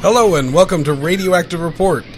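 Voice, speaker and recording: An actor playing a weary, exasperated radio host in a post-apocalyptic comedy audio drama, announcing with theatrical flair. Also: male voice, high voice, brisk, over music, close to an everyday voice. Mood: grand, announcing.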